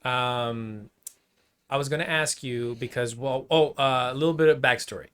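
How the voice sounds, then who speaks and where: A man's voice: medium pitch, moderate pace, a bit bright, smooth. A man hosting a casual podcast, joking and easygoing with his guest. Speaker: podcast host. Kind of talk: casual chat.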